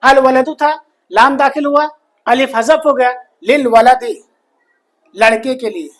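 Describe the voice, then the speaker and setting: A man teaching a grammar lesson, slowly repeating each phrase and answering his own questions. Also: extremely high pitch. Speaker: Arabic teacher.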